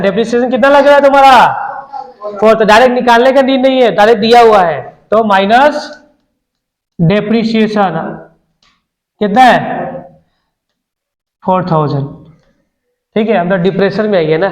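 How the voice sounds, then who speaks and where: A man tutoring an accounts class, quizzing students and repeating the figures aloud. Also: sits high. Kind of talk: classroom lesson. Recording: echoey room.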